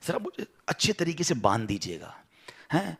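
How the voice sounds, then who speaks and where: A male preacher voicing a young, obedient son who gently pleads with his father, in a soft, tender way. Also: on the high side, wildly swooping pitch, slightly rough, heavily acted.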